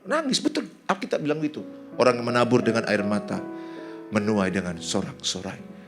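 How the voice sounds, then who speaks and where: A man's voice: lowish voice, animated, brisk, over music. A man from Indonesia, a pastor, preaching a sermon and joking with the congregation.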